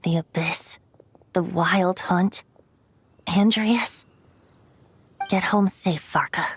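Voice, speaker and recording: A woman's voice: on the low side, steady tone, drawn-out words, slight background noise. A woman playing a playful, wistful young male bard in a video game. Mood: hushed, wistful. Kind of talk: video game character acting.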